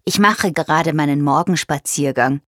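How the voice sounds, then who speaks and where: Big friendly hippo played by a woman, slow rumbling drawl, lowered voice, husky, storybook. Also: a bit bright, no echo, clean studio sound. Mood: calm. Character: huge friendly male hippo, slow and calm.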